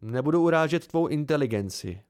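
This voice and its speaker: A man voicing a guarded, sheepish young male student, speaking low and subdued. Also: expressive, darkish tone, close to an everyday voice.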